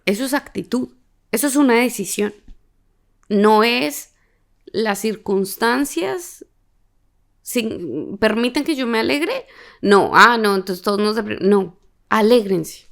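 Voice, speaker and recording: A woman talks in a relaxed podcast chat with a somewhat high voice and a gravelly, fry-edged texture. She tells her stories with animated energy, laughs often and slips into the voices of the people she quotes. She has a lively storyteller's flow. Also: takes it slowly, pauses often.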